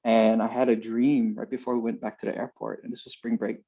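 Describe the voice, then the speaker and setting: Young man, gravelly, earnest storyteller, lo-fi sound. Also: mid-range voice, brisk. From Hawaii. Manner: relaxed, earnest, heavy on fillers. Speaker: guest. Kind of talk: personal storytelling in an interview. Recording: dull lo-fi sound.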